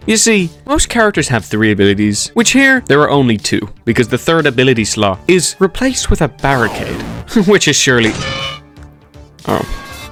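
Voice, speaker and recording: A man giving scripted commentary ranking video game characters, casual with jokey asides to the viewer. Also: mid-range voice.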